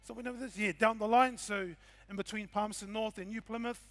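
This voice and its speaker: A man's voice: high voice, fairly even intonation, fast, a bit bright. A middle-aged man with a broad New Zealand accent gives an informal, laid-back talk, speaking directly to his audience with Māori words and slang. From Whanganui, New Zealand. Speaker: conference speaker, game developer and hip-hop artist.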